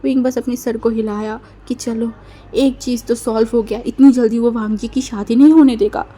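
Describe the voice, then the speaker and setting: A woman's voice: on the high side, steady tone, normal speed, dark tone, breathy edge, faint music behind. A woman narrating fan fiction in a casual, conversational way, with frequent restarts. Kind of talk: casual storytelling.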